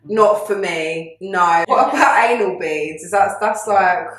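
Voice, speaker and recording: A woman's voice: medium pitch, a little slow, fairly bright tone, soft background music. A woman with a British accent co-hosting a YouTube chat, reacting to confessions in a blunt, opinionated and very sweary way. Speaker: YouTube co-host. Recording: echoey room.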